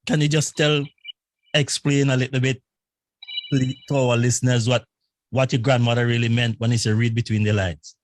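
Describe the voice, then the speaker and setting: A man with a Vincentian accent in casual radio conversation, explaining things in a measured way. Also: medium pitch, little pitch movement, no echo. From Saint Vincent and the Grenadines.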